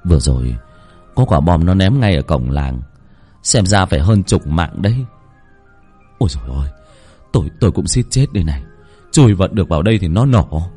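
A man voicing frightened villagers murmuring rapidly in a spoken ghost story. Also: deep voice, lively intonation, mellow, slightly rough, soft background music. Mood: anxious. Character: frightened villagers gossiping in a shelter.

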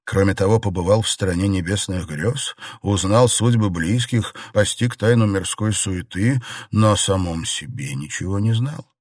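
A man narrating a classic novel as an audiobook in an even storytelling manner. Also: lowish voice, normal speed, few pauses, breathy edge, no echo, clean studio sound.

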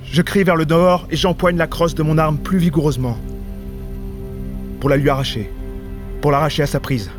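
An actor playing an armed man who coldly recounts a killing in a theatrical monologue, with flat, insistent repetition. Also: on the high side, moderate pace, pauses often, over music, close to an everyday voice. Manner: flat, insistent repetition, shouts quoted lines. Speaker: stage actor.

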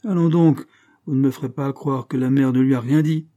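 A man's voice: mid-range voice, steady tone, a little fast, warm tone, dull audio, voice pushed up, natural voice. A man reading aloud, voicing an irascible, gouty old English earl who growls out scornful outbursts. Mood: angry.

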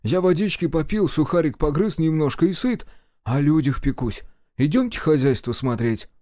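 A man voicing a sly, fussy, short army quartermaster who talks in an excitable, wheedling way. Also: a little high, normal speed, no echo, studio quality, voice pushed up, close to an everyday voice.

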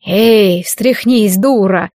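Audiobook role: woman voicing a hardened male prisoner, slow, rough and blunt, in a dry close recording. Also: sits high, a little mellow, no room sound. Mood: hissing. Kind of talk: audiobook character voice.

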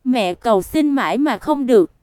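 Brief: tearful middle-aged mother, pleading, high smooth voice, read by a woman narrator. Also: expressive, moderate pace, darkish tone, no echo, studio quality, lightly acted. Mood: fearful.

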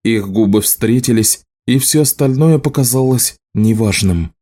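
A man narrating an audiobook in a measured, even delivery. His voice sits in the middle of the male range. It has a dark, mellow tone. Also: medium pitch. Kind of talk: scripted narration.

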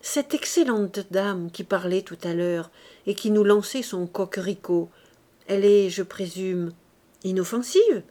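A woman reads a classic story aloud at an unhurried, deliberate pace. Her pitch sits in the middle range. She narrates steadily and voices the characters' exchanges as she goes. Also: mellow. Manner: slow, measured reading with voiced dialogue. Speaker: audiobook reader. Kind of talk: scripted narration.

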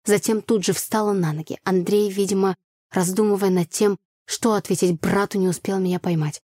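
A woman narrating a first-person audiobook story with an even, storytelling delivery. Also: mid-range voice, normal speed, no room sound, studio quality.

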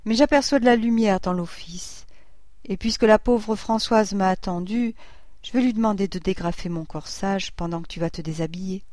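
A woman voicing a genteel mother in a classic novel read aloud, speaking with light, gentle animation. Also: mid-range voice, normal speed, no echo, clean studio sound, lightly acted. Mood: mild. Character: indulgent mother of a boy, genteel lady.

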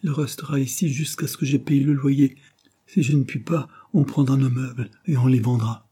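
A man's voice: mid-range voice, steady tone, normal speed, warm tone, husky, voice pushed up, natural voice. A man reading the lines of a distressed, poor young mother in an audiobook, anxious and pleading. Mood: despairing.

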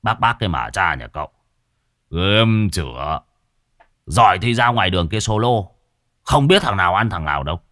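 A loud, blustering man nearly fifty who takes offense at everything and wants to fight, as a storyteller puts him on. He talks raised and a little higher than the narrator's own voice. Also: very animated, moderate pace, pauses often, no echo, studio quality, heavily acted. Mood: indignant. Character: touchy quarrelsome unmarried man near fifty.

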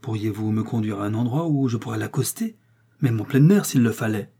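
A man's voice: on the low side, animated, fairly quick, dark tone, husky. A man reading a storybook voices an impulsive, determined young woman who asks urgent questions.

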